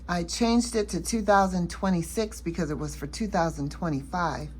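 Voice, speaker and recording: A woman casually walking through her savings challenges in a planner vlog, relaxed and chatty with many fillers, tired and yawning late at night. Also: fairly low pitch, normal speed, a little hiss or hum. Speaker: planner and budgeting vlogger. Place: at home at night.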